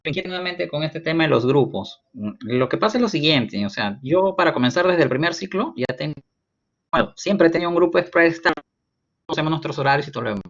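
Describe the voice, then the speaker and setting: A man's voice: fairly high pitch, animated, quick pace. A male student politely and hesitantly asking his teacher a question in an online class, his voice crackling and cutting in and out. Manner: polite and hesitant, many fillers. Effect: choppy, crackling call audio that cuts in and out. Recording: dull, choppy online call audio.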